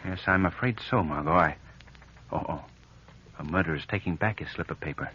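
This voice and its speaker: An actor playing a mysterious, commanding crime-fighter in a theatrical 1940s radio mystery style, precise and menacing. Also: male voice, sits low, fairly quick, bright, forceful tone, slight background noise. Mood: puzzled, tense. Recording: dull old-time radio recording.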